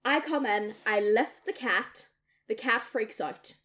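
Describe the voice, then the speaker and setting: Lively woman telling a story. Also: fairly high pitch, takes it slowly. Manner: lively, swears freely, acts out quoted people. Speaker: podcast co-host. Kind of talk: casual storytelling chat.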